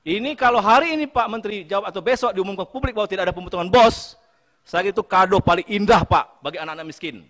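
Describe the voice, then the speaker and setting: The chair of a parliamentary committee, a man whose fast voice sits high with a fairly bright tone, makes an impassioned plea in a large meeting room. Over and over he addresses the minister, and the hearing chamber gives a long reverb.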